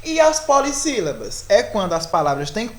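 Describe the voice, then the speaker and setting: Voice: mid-range voice, sing-song, moderate pace. Brazilian Portuguese accent, teacher, recorded lesson, explains step by step, keeps asking if students follow. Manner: explains step by step, often asks "né?" and "tá certo?".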